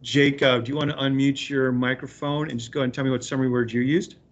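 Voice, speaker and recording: In lo-fi sound, a fast-talking man with little pitch movement and a medium voice takes the role of an elementary school teacher. He reads aloud to children in a remote class and explains encouragingly.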